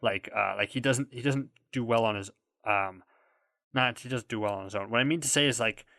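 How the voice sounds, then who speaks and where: An enthusiastic man co-hosting a casual podcast. His voice is bright, and the recording is dry and close. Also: mid-range voice, a little fast, no room sound. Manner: enthusiastic, laughs easily. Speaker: podcast co-host.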